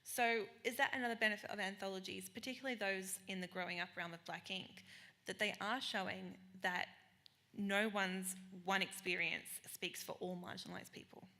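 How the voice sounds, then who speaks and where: A woman moderating a live panel talk, enthusiastic and quick with jokey asides. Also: mid-range voice, steady tone, sharp tone.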